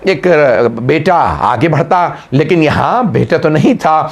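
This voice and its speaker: High-voiced male cleric preaching. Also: animated, vocal fry, slightly rough. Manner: emotive storytelling preacher, drawn-out recitation. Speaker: Shia cleric. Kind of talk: Muharram majlis sermon with lament.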